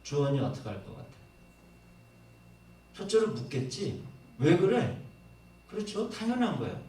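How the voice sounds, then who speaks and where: A middle-aged male pastor preaches in a church, his pitch rising and falling with lively swings as he acts out short quoted lines. He stands some way from the mic, so his voice comes through with heavy room echo. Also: a little fast, far from the mic. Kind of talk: sermon. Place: church sanctuary.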